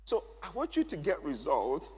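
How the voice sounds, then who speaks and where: A middle-aged man teaches at a church conference, stressing and repeating his key points. His voice is a little husky, and it echoes around a large hall with a long reverb tail. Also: a little high, huge pitch swings, normal speed, a little mellow. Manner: emphatic, repeats key phrases for note-taking. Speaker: conference speaker.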